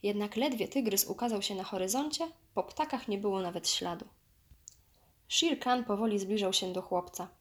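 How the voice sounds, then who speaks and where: A woman reading a children's storybook aloud in a lively, expressive way. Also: mid-range voice, moderate pace.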